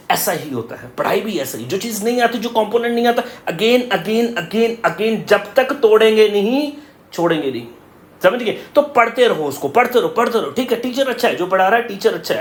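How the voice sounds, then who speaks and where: A male coaching teacher giving students blunt, direct exam advice, repeating his key points. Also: high-pitched. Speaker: coaching teacher for competitive exams. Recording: roomy echo.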